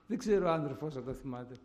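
A man's voice: a little high, a little mellow. A man preaching a fervent testimony sermon to his congregation, often repeating his phrases and calling his listeners brothers and sisters.

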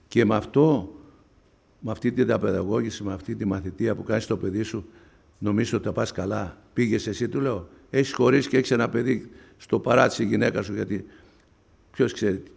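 A man preaching a sermon who swings between hushed and loud, using emphatic rhetorical questions. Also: on the low side, creaky, breathy edge. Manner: rhetorical questions, acts out quoted voices.

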